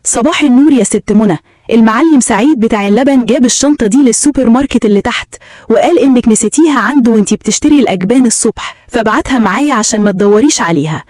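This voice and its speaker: A woman with an Egyptian accent voicing a kindly older male doorman who speaks gently and politely. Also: on the high side, racing, dry recording, studio quality, close to an everyday voice.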